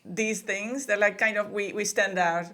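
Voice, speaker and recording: A woman's voice: mid-range voice, fairly even intonation, moderate pace, fairly bright tone. A woman from Hungary, chatting as a guest in a remote interview. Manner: chatty, with frequent laughs and restarts. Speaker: podcast booking agency co-owner, guest. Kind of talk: casual interview conversation.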